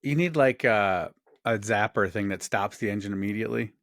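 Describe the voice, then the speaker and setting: A man co-hosting a podcast who cracks quick, profane jokes in casual chat. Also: lowish voice, a bit bright, dry recording, studio quality. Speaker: podcast co-host.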